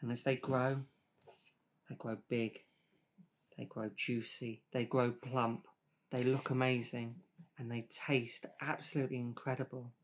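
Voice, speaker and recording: A man giving a lively children's church talk, playful and chatty, eating grapes as he speaks. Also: medium pitch, unhurried. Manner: lively, playful, eats grapes while talking. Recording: dull lo-fi recording.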